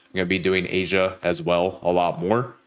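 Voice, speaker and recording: On a trading livestream, a young male trader chats casually with his audience, calling out viewers by name and pumping up likes. His deep, clear, resonant voice comes at a moderate pace with a flat delivery, though a sore throat leaves him nasal and congested.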